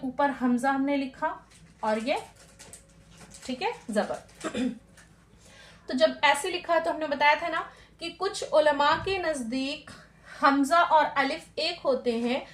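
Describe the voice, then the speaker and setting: High-voiced woman teaching in an echoey room. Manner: patient, asks questions and answers them, slow drawn-out demonstration sounds. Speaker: Quran recitation teacher. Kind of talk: classroom tajweed lesson.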